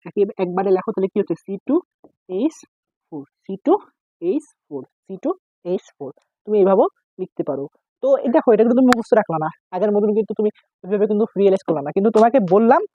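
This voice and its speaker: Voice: medium pitch, expressive, quick pace, no room sound. A chemistry tutor gives a casual exam-prep lecture, asking questions and answering them, repeating each point. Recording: tinny phone-like dry recording.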